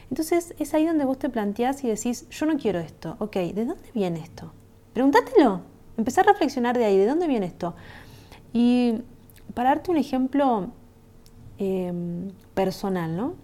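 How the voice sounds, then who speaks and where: Woman podcast host, Rioplatense accent, mellow tone, reflective conversational monologue, keeps checking in with the listener. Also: mid-range voice. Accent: Rioplatense Spanish. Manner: conversational, asks "¿se entiende?" often. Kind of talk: reflective self-help monologue.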